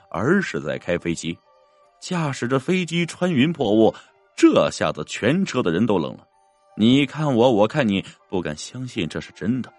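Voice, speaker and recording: A man narrating a dramatic story in an expressive, theatrical manner. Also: no room sound. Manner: expressive, swinging pitch.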